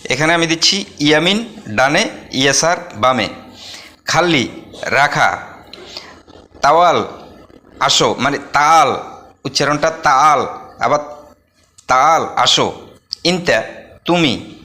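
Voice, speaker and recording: A young man teaching a vocabulary lesson, saying each word and then repeating its meaning slowly. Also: on the high side, expressive, sharp tone. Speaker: Arabic language teacher.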